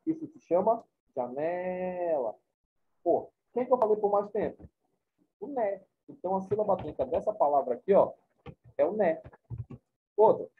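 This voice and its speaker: A man gives a classroom lecture in a somewhat high, husky voice, repeating his points and checking in with the class. The recording is thin and phone-like. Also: expressive, normal speed, long pauses. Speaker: teacher.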